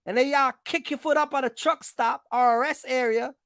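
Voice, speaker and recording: Her voice is high and a bit bright, with fairly even intonation and a normal speed, recorded in studio quality with no echo. She hosts a trucking channel, giving advice in a casual explainer full of blunt, emphatic slang and repeated phrases.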